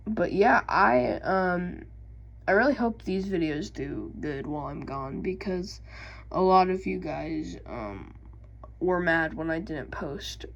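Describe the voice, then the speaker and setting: Slow, gravelly young woman, hesitant. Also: lowish voice, lo-fi sound. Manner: hesitant, many ums and restarts; reads lore slowly, then explains it in her own words. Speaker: gaming YouTuber. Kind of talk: casual vlog and lore reading.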